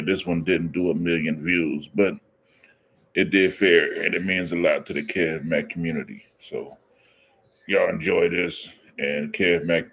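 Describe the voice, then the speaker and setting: Very deep-voiced man hosting a reaction stream. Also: gravelly, a bit bright. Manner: casual, rambling, with fillers and self-corrections. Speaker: reaction channel host. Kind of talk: live reaction commentary.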